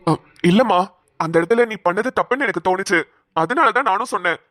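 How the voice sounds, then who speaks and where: A woman voicing a young husband in a cartoon, coaxing and calming his upset wife. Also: medium pitch, a little fast, no room sound, studio quality. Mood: soothing. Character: young husband, patient and soothing. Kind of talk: Tamil cartoon drama voice acting.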